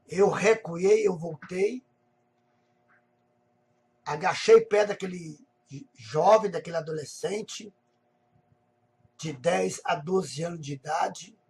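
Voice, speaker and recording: A male pastor telling a personal testimony in a sermon, slowly restating each phrase in several ways. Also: high voice, a little mellow. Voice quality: gravelly, husky voice. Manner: slow, repetitive, rephrasing each phrase.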